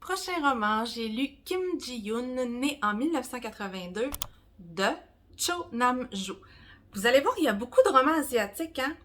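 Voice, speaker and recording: A woman in her forties with a Québécois accent, giving a casual, rambling review of her month's reading, with self-mocking asides and some soft whispered comments. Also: a little high, animated, moderate pace. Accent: Québécois French. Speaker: book vlogger.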